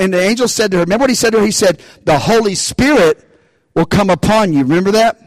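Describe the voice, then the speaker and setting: A man's voice: high voice, dry recording, rough recording. A man preaching a sermon, calling out to the congregation for responses and rising into bursts of emphasis. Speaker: pastor.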